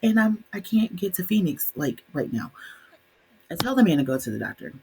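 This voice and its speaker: A young adult woman co-hosting a podcast, telling a story in a casual, animated way and doing the voices of her relatives. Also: fairly low pitch, fairly quick, vocal fry, slight background noise. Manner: animated, voices quoted relatives, laughs often. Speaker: podcast co-host.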